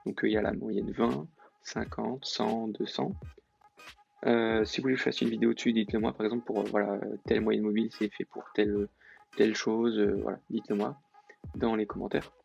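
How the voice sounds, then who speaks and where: A man's voice: fairly low pitch, little pitch movement, fairly quick, vocal fry, a little mellow, breathy edge, lo-fi sound, soft background music. A man explaining a trading lesson in a casual, hesitant way, with many fillers and self-corrections. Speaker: trading tutor. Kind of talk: casual screen-recorded lesson.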